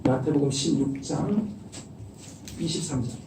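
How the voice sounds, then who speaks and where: A middle-aged man preaching a sermon as pastor, animated and acting out the voices he quotes. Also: on the high side, unhurried, distant mic, background noise. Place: church sanctuary. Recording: echoey church hall miked from afar.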